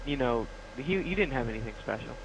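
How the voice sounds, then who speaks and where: A man chatting casually while playing a game with friends, rambling and quick to exclaim. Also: medium pitch, expressive, vocal fry, over a noisy crowd, rough recording. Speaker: co-player. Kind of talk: casual gameplay chat.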